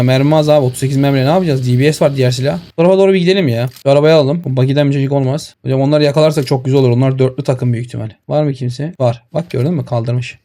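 A man giving excitable live commentary over his own shooter gameplay, talking to his viewers and shouting at enemies, on a headset mic. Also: on the high side. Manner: excitable, talks to viewers and to the enemy. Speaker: gaming streamer. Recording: game sounds and gunfire behind.

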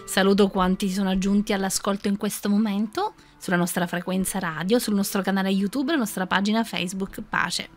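Conduttrice radiofonica che racconta una storia. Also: female voice, medium pitch, steady tone, fairly quick, few pauses, music in the background. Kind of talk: storytelling narration.

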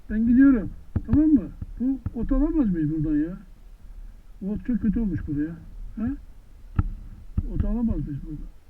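A man talking gently to horses in an outdoor pasture, coaxing them with affectionate, repeated questions. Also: high-pitched, lively intonation, fairly quick, long pauses. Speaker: vlogger visiting wild horses. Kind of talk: casual talk to animals. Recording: tinny lo-fi phone-like sound, faint noise.

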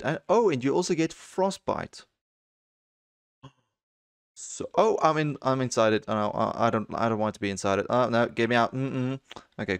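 A young man giving excitable let's-play commentary on a video game, jumping into high squeals when something thrills him. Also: clear, resonant tone, no echo, clean studio sound. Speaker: gaming channel host.

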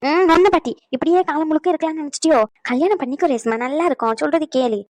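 A woman's voice: high voice, rapid-fire, darkish tone, dry recording, close to an everyday voice. A woman voicing a fussy, meddling but kind elderly grandmother in a cartoon, nagging and chatty. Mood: coaxing. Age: older. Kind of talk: cartoon voice acting.

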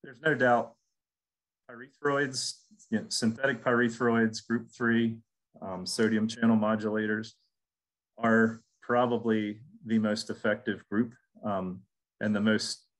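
With a fairly low, flat voice and a slightly slow pace, a middle-aged U.S. extension entomologist delivers a casual slide-based webinar on crop pests. He frequently repeats words and starts over, and the recording has poor audio.

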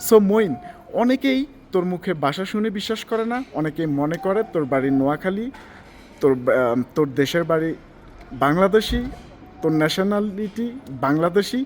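A man's voice: high voice, expressive, moderate pace, a little hiss or hum. A man interviewing a guest, asking questions in Bengali sprinkled with English words.

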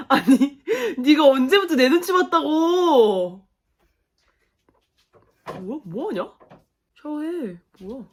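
A young woman reacting to a dating show episode, exclaiming and laughing as she talks to her viewers. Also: high voice. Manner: animated, exclaiming and laughing at the screen. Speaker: reaction video host. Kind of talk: casual reaction commentary.

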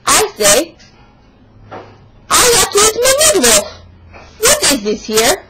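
Slow and high-pitched, her pitch swooping wildly, a young woman commits fully to the character voice of a stubborn young Russian woman in a comic monologue. With a fake Russian accent and article-dropping broken English, she complains indignantly and extravagantly, recorded in a noisy home video.

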